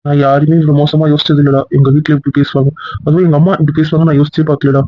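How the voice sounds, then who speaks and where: A man's voice: on the high side, flat delivery, very fast, a little hiss or hum, natural voice. A man playing a remorseful young husband who begs his wife for forgiveness, in an amateur audio drama on a dull lo-fi recording. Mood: dejected. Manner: pleading, repetitive begging.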